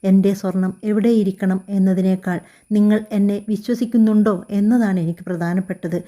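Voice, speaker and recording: A woman reads a gentle young pregnant wife, hurt and pleading. Her voice is soft and very mellow. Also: mid-range voice, fairly even intonation, brisk, close to an everyday voice.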